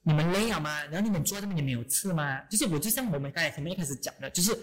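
A woman, co-hosting a podcast and telling a story in a rapid, venting way, often asking "you know?". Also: deep voice, animated, faint music behind. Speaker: podcast co-host. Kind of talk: casual chat.

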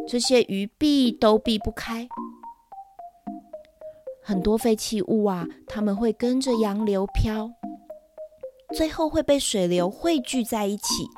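A woman with a Taiwanese Mandarin accent hosting educational storytelling for young children, explaining simply with questions as if reading to a toddler. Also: a little high. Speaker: host of a children's facts podcast. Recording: music behind the voice. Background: background music.

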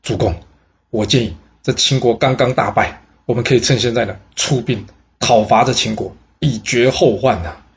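A man voicing a hot-tempered male general who scolds loudly and indignantly. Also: mid-range voice, moderate pace, lightly acted. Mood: angry.

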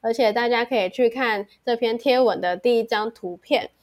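A woman's voice: fairly high pitch, normal speed. A woman with a Taiwanese Mandarin accent co-hosting a podcast in casual conversation. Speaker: podcast co-host.

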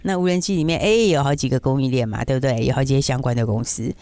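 A male stock analyst with a Taiwanese accent talks at a rapid clip in a mellow voice. He explains casually, tossing out short rhetorical questions as he goes. The sound is dry, with very little room. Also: mid-range voice, fairly even intonation, dry recording. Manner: explanatory, peppers talk with rhetorical check-in questions. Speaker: stock market analyst and teacher. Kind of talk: casual market commentary talk.

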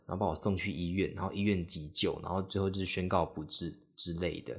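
A man's voice: deep voice, steady tone, fast, husky. A young man hosts a solo podcast, telling stories in a rambling way, full of fillers and acted-out quotes. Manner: rambling, heavy on fillers, acts out quoted speech. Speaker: podcast host. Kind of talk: casual solo podcast storytelling.

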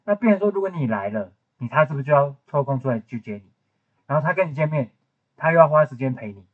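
Fast-talking raspy man, lo-fi sound. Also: fairly high pitch, animated. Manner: teasing, quick interjections. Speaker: podcast co-host. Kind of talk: casual chat. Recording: dull lo-fi podcast audio.

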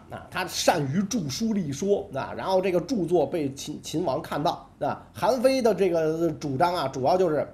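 A man casually telling a history story, chatty and animated, with frequent filler interjections. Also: a little high.

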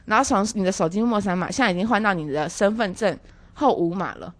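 Fast-talking young woman. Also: no room sound. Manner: lively, reenacts quoted voices with sharp pitch jumps. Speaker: guest telling her own story. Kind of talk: animated personal storytelling.

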